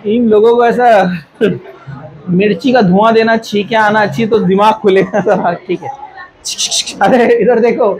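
A man's voice: sits high, fairly even intonation, a little slow, pauses often, noisy background. A man teaching a chemistry class in Hindi. He quizzes the students, scolds them and jokes with them. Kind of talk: classroom lecture.

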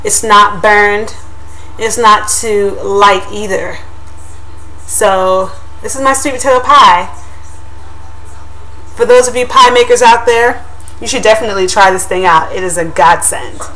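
A young vlogger casually reviews a pie crust shield from her home kitchen, chatting upbeat into the webcam's built-in mic near the camera. She speaks mid-range with a sharp tone, unhurried and with long pauses, and the recording is rough.

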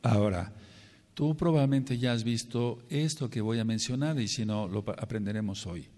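A man's voice: mid-range voice, normal speed, a little mellow, big-room sound. A man with a Mexican Spanish accent giving an earnest sermon-style Bible lesson, repeating and spelling out words to stress them. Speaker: congregation leader teaching.

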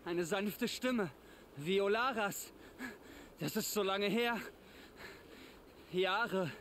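Game role: a haunted outcast, high and anguished, pleading, slight background noise. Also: male voice, very slow, fairly bright tone, exaggerated voice. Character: tormented outcast man hearing spirit voices. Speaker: game character.

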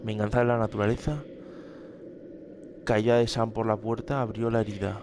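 A man's voice: fairly low pitch, level tone, moderate pace, background noise. A young man with a Spain accent giving casual, slangy, sweary let's play commentary. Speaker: gamer. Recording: loud game music behind.

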